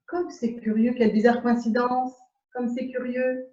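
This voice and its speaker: A woman playing a prim English lady in an absurdist stage scene, speaking in measured, repetitive exclamations of polite surprise over a video call. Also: fairly high pitch, little pitch movement, mellow, close to an everyday voice. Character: prim English lady, mildly astonished, formal. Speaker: amateur actor. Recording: dull echoey room audio.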